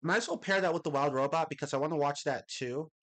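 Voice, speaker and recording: At a quick pace, a young man with a slightly high, somewhat bright voice chats casually on his live stream, reading out and answering messages from chat. He rambles, corrects himself and swears casually, his voice a little off because of a lingering cold.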